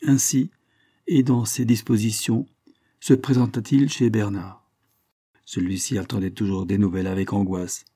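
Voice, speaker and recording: A man reading a novel aloud with steady, measured narration. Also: on the low side, husky, dry recording, clean studio sound.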